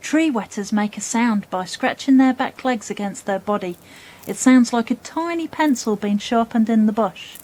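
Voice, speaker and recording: A woman presenting scripted nature narration for children in a playful, expressive storytelling way. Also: on the high side, moderate pace.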